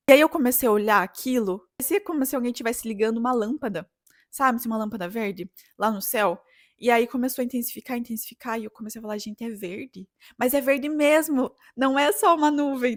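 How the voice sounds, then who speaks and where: Excitable young woman vlogger, dry close sound. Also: a little high, no room sound. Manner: animated, breaks into excited outbursts and laughs. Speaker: travel vlogger. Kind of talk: excited casual storytelling.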